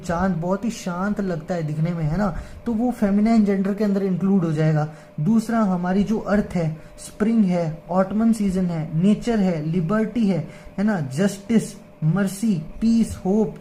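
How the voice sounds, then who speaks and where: Woman, grammar tutor, calm and repetitive, mellow voice. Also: medium pitch, a little hiss or hum. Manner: patient, repeats "ठीक है" and "है ना" often; reads English lines slowly, word by word. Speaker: grammar teacher. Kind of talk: explaining an English grammar lesson in Hindi.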